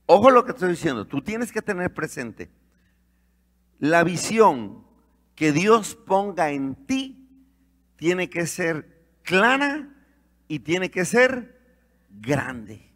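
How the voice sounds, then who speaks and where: Slow, emphatic preaching pastor, man. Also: sits high, big pitch swings, a bit bright, big-room sound. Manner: preaches emphatically with rhetorical questions to the congregation. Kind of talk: sermon.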